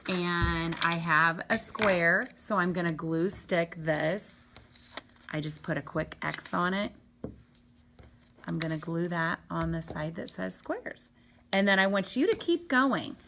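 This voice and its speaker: A woman teacher talks a class of young children through a lesson at home. Her voice sits a little low, yet she keeps it lively and encouraging. When she reads aloud she stretches out each word in a slow, sing-song way. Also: background noise. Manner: bright, encouraging teacher talk.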